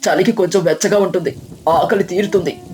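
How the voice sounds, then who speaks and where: A woman voicing a humble village man who speaks firmly and earnestly, lower and louder than her narration. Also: steady tone, fairly quick, lightly acted. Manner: firm, earnest.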